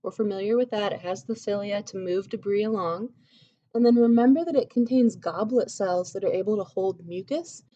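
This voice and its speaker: In slightly dull, lo-fi audio, an anatomy teacher talks through her lecture casually, filling it with "um" and "like." Her voice is mid-range with a dark tone.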